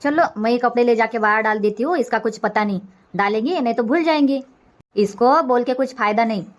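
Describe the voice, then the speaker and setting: A woman's voice: on the high side, a little fast, lightly acted. A woman voicing a nagging middle-aged village mother-in-law in a cartoon, scolding and complaining.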